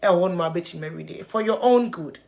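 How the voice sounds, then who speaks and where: A woman's voice: on the low side, gravelly, darkish tone. Tearful Ghanaian woman vlogger. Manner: earnest, mixes English and Twi, halting repeats. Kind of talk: emotional video commentary.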